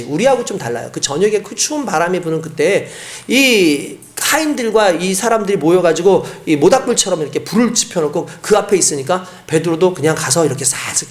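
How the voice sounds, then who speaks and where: A man's voice: high-pitched, echoey room. A male pastor preaching a sermon, telling the story vividly and acting out the voices. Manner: animated storytelling with acted voices.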